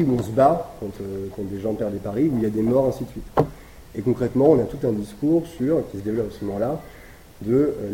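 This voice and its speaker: A man with a medium-pitched, dark voice delivers an academic lecture, hesitating often and filling his speech with fillers and restarts. The room is echoey and there is noise in the recording.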